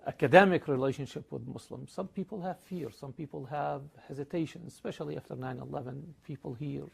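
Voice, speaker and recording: A man hosting an interview, asking earnest, measured questions. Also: fairly high pitch, gravelly, slightly rough. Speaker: interviewer host.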